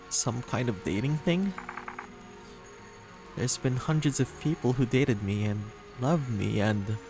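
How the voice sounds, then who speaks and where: In a mid-range voice, a male voice actor performs a visual novel's emotional, dramatic lines as a gentle, insecure young man in a dating game. He speaks haltingly, earnestly, and tenderly while music runs beneath.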